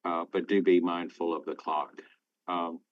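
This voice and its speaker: A man with a low voice speaks as a presiding judge, formal and deliberate, pausing often between short phrases. The sound is dry and a little dull, from a remote hearing. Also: little pitch movement, no room sound. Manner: halting, deliberate, with frequent pauses. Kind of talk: formal spoken courtroom instructions.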